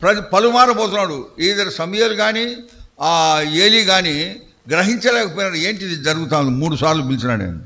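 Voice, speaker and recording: Man preaching, bright voice, a bit high, muffled lo-fi sound. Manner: animated, acts out voices and asks the congregation questions. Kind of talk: storytelling sermon.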